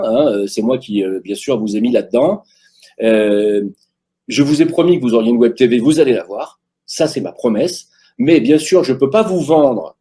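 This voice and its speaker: A man's voice: mid-range voice, warm tone, slightly rough. A middle-aged man addressing viewers in a boastful, emphatic, crude monologue.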